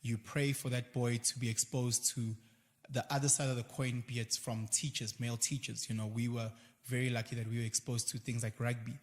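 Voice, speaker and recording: Animated South African man in a reverberant room. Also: medium pitch, fairly quick. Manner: animated, acts out voices and quotes in passing. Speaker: guest. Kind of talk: casual conversation.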